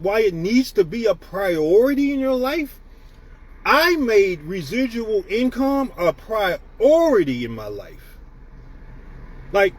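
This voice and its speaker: A man in his fifties from the United States, hosting a live stream and giving a preachy motivational talk while greeting viewers by name. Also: extremely high pitch. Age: 50s.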